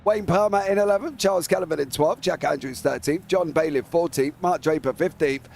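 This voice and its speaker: High-voiced man, motorsport commentator, creaky edge, excitable and chatty, live race calling, vehicle noise behind. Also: brisk.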